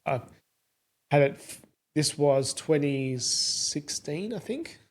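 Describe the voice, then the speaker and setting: A man's voice: fairly high pitch, lively intonation, takes it slowly. A man with a broad Australian accent chatting casually, in a laid-back, colloquial and self-deprecating way. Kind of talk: casual car chat.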